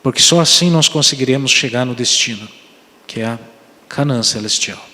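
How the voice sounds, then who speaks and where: A male pastor delivers an earnest sermon, pleading with his congregation, then moves into prayer. His mid-pitched voice rings out through a church with a long, trailing reverb. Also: normal speed, pushed and bright. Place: church sanctuary.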